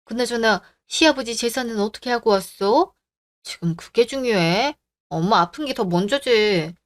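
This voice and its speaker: A woman's voice: on the high side, moderate pace, lightly acted. A woman playing a caring grown daughter in a radio drama, insistent and worried about her mother. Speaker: daughter and wife.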